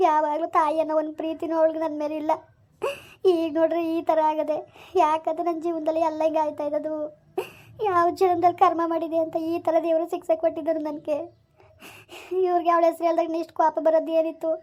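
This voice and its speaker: A woman's voice: very high-pitched, completely flat delivery, quick pace, darkish tone, highs cut off. A woman playing a wronged young village wife, pleading and tearful in a family drama. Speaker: daughter-in-law Sunita in a family skit.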